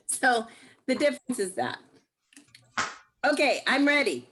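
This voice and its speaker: A woman in her sixties giving a casual, lively testimonial, laughing often. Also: high voice, takes it slowly, background noise. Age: 60s. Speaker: guest speaker.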